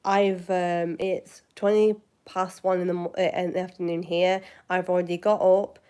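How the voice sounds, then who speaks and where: Mellow, clear and resonant, this woman's lowish voice carries a Yorkshire accent from West Yorkshire, England. As a channel host casually answering viewers, she speaks flatly at a moderate pace, rambling with plenty of fillers and restarts.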